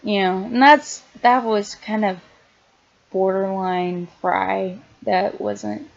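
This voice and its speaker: A young woman casually explaining her screaming technique in a halting, quiet way, with many fillers and restarts. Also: mid-range voice, animated, vocal fry, muffled recording. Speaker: vlogger. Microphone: iPad held close.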